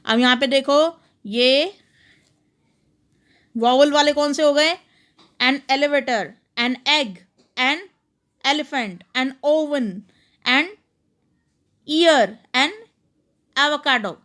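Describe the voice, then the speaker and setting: A woman teacher, patiently explaining worksheet answers step by step and reading sentences slowly. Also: sits high, a bit bright. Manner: patient, explains each example step by step, reads English slowly.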